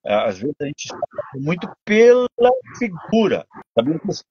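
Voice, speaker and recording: An older man with a Brazilian Portuguese accent, a voice actor and dubbing director telling stories in a casual interview, animated and full of restarts. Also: fairly high pitch, a little slow, muffled recording, a little hiss or hum. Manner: animated storytelling, many restarts.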